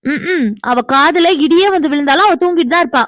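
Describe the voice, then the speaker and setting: A woman voicing a bossy young woman in a cartoon who scolds and nags, sharp-tongued. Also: high-pitched, fairly quick, no echo, studio quality. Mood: scolding. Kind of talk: cartoon voice acting.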